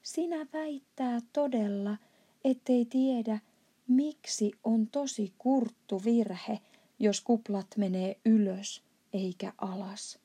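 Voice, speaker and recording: A woman voicing a huge, kindly old male giant who mangles his grammar and bursts into indignant shouts. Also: on the high side, husky. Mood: indignant, shouting. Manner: mangled grammar and made-up words, shouts in outbursts.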